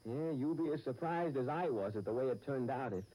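Mellow, chatty radio-comedy youth played by a man. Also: mid-range voice, lively intonation, brisk, natural voice, rough recording. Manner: folksy, informal. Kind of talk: old radio sitcom acting.

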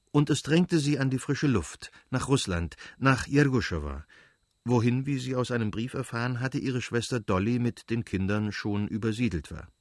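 A man narrates a classic novel as an audiobook, measured and even. His voice sits at an ordinary pitch. The recording is dry, with no room sound. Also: dry recording.

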